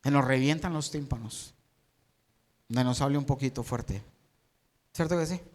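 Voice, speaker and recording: A man's voice: medium pitch, normal speed, darkish tone. A male pastor preaching a sermon, acting out scenes and asking the congregation dramatic questions. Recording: long hall reverb.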